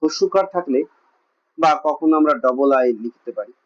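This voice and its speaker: On a muffled lo-fi recording, a man with a fairly high voice speaks at a moderate pace. He has a West Bengal Bengali accent and is teaching a classroom lesson, repeatedly asking questions and then supplying the answers himself.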